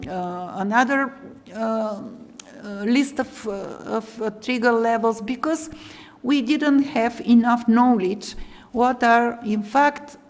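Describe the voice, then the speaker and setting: An older woman from Bulgaria with a Bulgarian accent, giving a technical conference lecture over slides in a halting way with many fillers. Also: fairly high pitch, long reverb tail. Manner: halting, many fillers, careful non-native phrasing. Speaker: lecturer, radiation protection expert.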